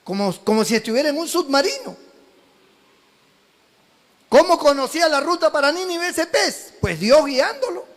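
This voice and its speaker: High-voiced fervent preacher from Peru. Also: male voice, very animated, moderate pace, pauses often, long reverb tail. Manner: fervent preaching with homely storytelling, exclamations and asides to the congregation. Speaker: pastor. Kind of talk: sermon.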